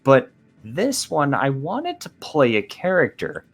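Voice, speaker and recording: A man chatting casually as a podcast guest, animated and joking as he rambles through a story. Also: medium pitch, slow, faint music behind.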